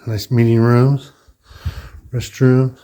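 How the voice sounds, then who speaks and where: Slow and fairly flat in pitch, this man's mid-range voice has a dark, clean quality. As a vlogger strolling through indoor hallways and big rooms, he narrates his building tour in a chatty, think-aloud way, often restarting and a bit short of breath.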